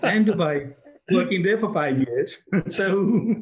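An older man from Pakistan who grew up in Britain tells his life story as a guest over a video call. His voice sits a little high for a man, and he talks in an animated way, repeating words as he goes. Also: takes it slowly, dull audio. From Pakistan, raised in Britain. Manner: animated, repeats words, laughs between phrases. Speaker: guest, chamber of commerce president. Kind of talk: casual interview storytelling.

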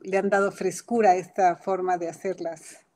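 An older woman raised in Costa Rica chats as an interview guest over a video call. She talks warmly and casually, often restarting her sentences, and sounds like she is in a home study. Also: fairly low pitch, level tone. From Mexico, raised in Costa Rica. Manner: warm, chatty, halting with restarts. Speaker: guest astronomer.

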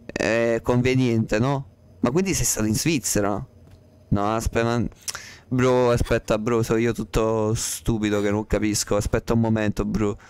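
Jokey male streamer, smooth close-mic voice. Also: on the low side, steady tone, normal speed, darkish tone, no echo. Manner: playful, joking, slangy, repeats himself. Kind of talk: casual live-stream chat with viewers.

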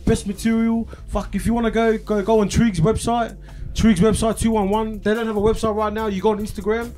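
A young Australian man with a high voice chats casually in sweary street slang. Music plays faintly behind him. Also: flat delivery, a little fast, dark tone. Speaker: rap group member, guest. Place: crowded garage room. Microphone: handheld microphone.

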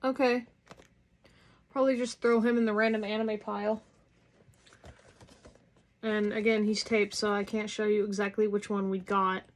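A woman's voice: medium pitch, level tone, normal speed, long pauses. A woman doing casual unboxing commentary at home, chatty and wry, sometimes talking while chewing. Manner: chatty, wry, bursts of mock outrage. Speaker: unboxing vlogger.

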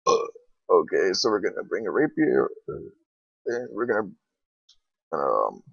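This teen gamer, 16, gives hesitant, informal, rambling commentary over his gameplay at a computer indoors, recording his screen for a video. His fairly low voice swoops wildly in pitch, a little slow, with vocal fry, a fairly bright tone, and a breathy edge. The dull, lo-fi computer mic is dry, with no room sound.

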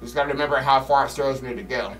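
A man's voice: very fast, recorded from a distance, faint music behind, low-quality recording. A man giving casual, slangy, profane commentary as he plays a horror game, griping bluntly at it. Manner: swings between muttering and loud high-pitched exclamations. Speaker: game streamer playing a horror game.

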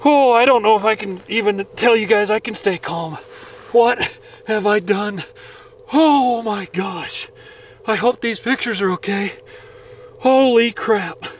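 A man's voice: high-pitched, a little slow, distant mic, slight background noise, low-quality recording. A man hosting an outdoors video, talking on a frozen lake, exclaiming in disbelief and swearing as he lands a fish. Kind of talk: excited outdoor commentary.

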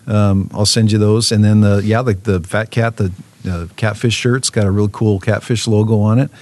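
A man's voice: lowish voice, fairly even intonation, moderate pace, a little mellow. A man, a fishing program manager, talking casually in an interview, with many fillers and restarts.

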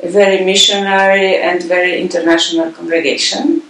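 An older woman with a Polish accent, a religious sister and facilitator, speaking carefully with pauses in a recorded video message. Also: lowish voice, flat delivery, fairly bright tone. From Poland. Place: sitting room with plant and map, indoors. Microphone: far camera. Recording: roomy audio from a distant camera.

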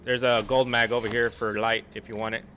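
A man's voice: medium pitch, little pitch movement, fairly quick, over music. A man streaming a game, chatting casually with slangy, joking banter. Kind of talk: casual gaming chat.

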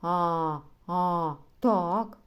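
A woman reading aloud and voicing a naive, hot-tempered bourgeois man who exclaims eagerly and protests loudly. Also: lowish voice, drawn-out words, clear, resonant tone. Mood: delighted. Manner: excitable, loud, exclaiming.

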